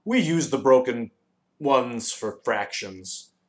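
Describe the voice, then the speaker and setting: A man's voice: medium pitch, expressive, slow. A man voicing a proud, eccentric wizard of mathematics from a children's storybook, emphatic and grand. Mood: breezy, dismissive.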